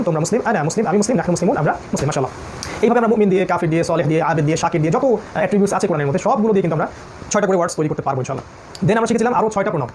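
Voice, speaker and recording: A man reviews a Quranic Arabic lesson in a high voice, reeling off word lists at a blistering pace. He drills each set in quick repetitive chants like a classroom teacher. A faint background hiss sits under the recording. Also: darkish tone.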